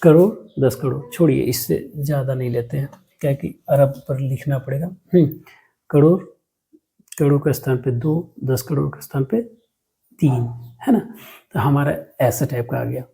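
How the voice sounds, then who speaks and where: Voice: medium pitch, moderate pace, creaky, mellow, rough recording. A maths teacher explaining a lesson step by step. The teacher asks questions and answers them, repeats words often, and mixes English words into the explanation.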